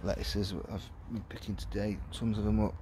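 Low-voiced guy filming his garden plot on a phone, chatty, rambling, faint outdoor noise behind. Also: level tone, moderate pace. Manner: chatty, rambling, chuckles often. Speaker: allotment vlogger. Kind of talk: casual walking tour commentary. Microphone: handheld phone camera.

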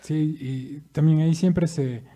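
A man with an Ecuadorian Spanish accent co-hosting a podcast, explaining in an animated way with many asides. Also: a little high, slow, muffled recording. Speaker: podcast co-host. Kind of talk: casual discussion. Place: studio.

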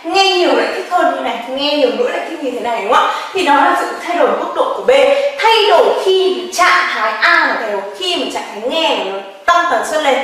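A woman teaching a grammar lesson, drilling words slowly and often asking her class questions. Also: high-pitched, bright, forceful tone. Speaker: Japanese language teacher. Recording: very echoey room, voice from far off.

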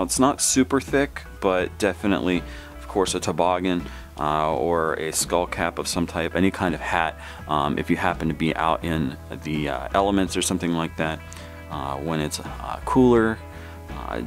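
A man casually reviewing gear he unboxes at a table, talking in a halting way with many fillers. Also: low-pitched. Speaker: product reviewer. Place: indoors at a table.

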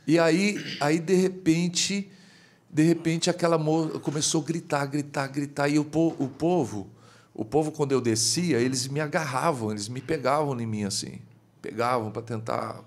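A man, a bishop, telling a story as a guest in a podcast studio, his voice climbing high whenever he gets excited. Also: normal speed.

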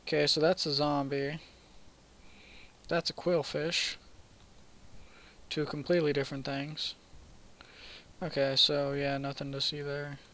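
A man's voice: fairly high pitch, little pitch movement, measured pace, pauses often, fairly bright tone. A man casually commentating his own game playthrough in a chatty way, reading the on-screen text aloud. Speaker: let's play host.

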